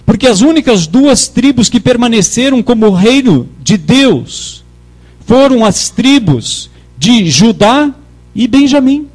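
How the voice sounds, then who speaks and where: A man with a notably high voice delivers a sermon at an unhurried pace. He presses each point emphatically and calls for his congregation to repeat his words back. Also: very animated, a little mellow. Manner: emphatic, leads the congregation in call-and-response. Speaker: preacher.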